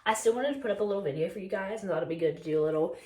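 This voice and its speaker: Her voice is mid-range and warm, and she races through her words. A twenties-aged beauty vlogger from North Carolina, she's slightly sick with a fading voice, chatting loosely through her makeup in a get-ready-with-me video and leaning on "like" and "um."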